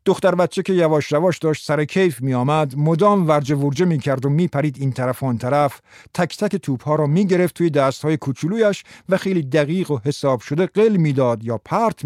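A man narrating a novel as an audiobook, in a steady, expressive storytelling manner. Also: on the high side, dry recording, studio quality.

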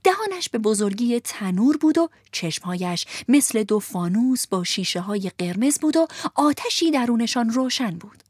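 A woman narrating a children's storybook in an expressive voice, at times soft and half-whispered. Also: a little high, hardly any pauses, dry recording, studio quality.

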